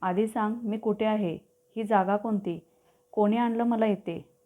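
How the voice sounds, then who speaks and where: A woman's voice: mid-range voice, steady tone, measured pace, natural voice. A narrator puts on a bewildered young woman who keeps demanding answers. She asks bluntly and impatiently, in a mid-range voice. The audio is narrow and tinny like a phone line. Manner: blunt questioning.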